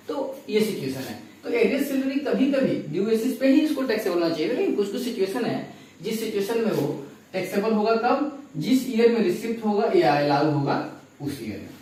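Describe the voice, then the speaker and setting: Heard from a distance in an echoey room, a man teaches a class, explaining each step and quizzing his students. He has a high, animated voice with a darkish tone and a brisk delivery.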